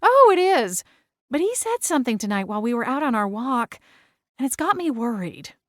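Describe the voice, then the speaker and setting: Woman as female ghost, girlish, gentle, expressive audiobook character, close dry sound. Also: a little high, normal speed, dry recording. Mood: worried. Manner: gentle, sighing, exclaiming.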